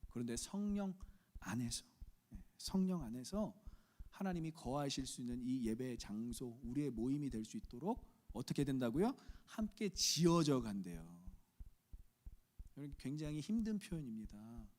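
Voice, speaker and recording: Middle-aged male pastor, Chungcheong accent, lively sermon style, swings his pitch, mimics voices. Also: moderate pace. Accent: Chungcheong Korean. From Korea. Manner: animated preaching, acts out quoted voices, rhetorical questions to congregation.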